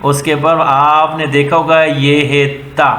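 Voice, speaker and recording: A man with a Pakistani accent teaching letter-by-letter Quran reading, slow and patient, repeating each sound as a drill. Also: fairly high pitch, little pitch movement, bright, forceful tone. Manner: patient, repetitive, drills letters one at a time. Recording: echoey room with faint ambient noise.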